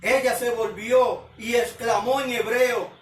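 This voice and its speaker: A man's voice: very high-pitched, steady tone, a little slow, slight background noise. A man preaching a sermon, asking the listeners one question after another. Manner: asks the listeners many questions. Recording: echoey room, mic at a distance.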